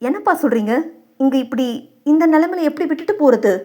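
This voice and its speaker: A woman voicing a patient young wife who speaks gently but firmly in an audio novel. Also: high-pitched, animated, fast talker, pitched above the performer's own voice. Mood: anxious. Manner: patient, pleading softly.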